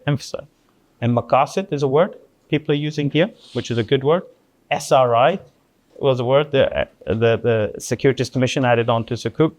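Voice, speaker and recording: A man's voice: mid-range voice, darkish tone. A man from Scotland, a guest speaker talking emphatically to an audience and tossing in rhetorical questions. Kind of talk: lecture with audience Q&A. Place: lecture hall.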